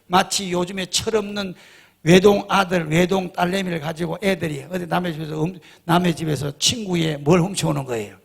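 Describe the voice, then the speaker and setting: A man's voice: sits high, steady tone, a little fast, vocal fry, husky. A middle-aged male pastor preaching a sermon, emphatic, often firing rhetorical questions at the congregation.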